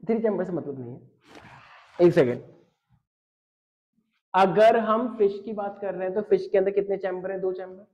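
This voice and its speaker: Man, high voice, biology teacher, joking and teasing, mix, dull lo-fi audio. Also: moderate pace, pauses often. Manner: jokey, teasing, talks straight to students. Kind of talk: online class lecture reading chat questions.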